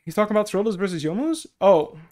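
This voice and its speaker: Racing along in a high, darkish, very animated voice, a young native Dutch speaker coaches viewers on a laid-back stream. He sits at a desk in a small room with a headset, responding to chat and explaining each step with plenty of okays.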